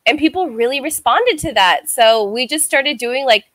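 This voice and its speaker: A woman's voice: high voice, animated, moderate pace, a bit bright, dry recording. A woman from the United States, a guest streamer, telling stories casually in an interview and saying "like" often. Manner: chatty, heavy use of "like".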